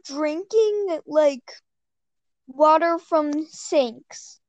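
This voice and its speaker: A teenage girl co-hosts a chatty podcast in a very high voice. She talks unhurriedly and giggles through her questioning asides, recorded dry and close. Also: drawn-out words, darkish tone, no echo, lo-fi sound. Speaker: podcast co-host. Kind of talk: casual chat.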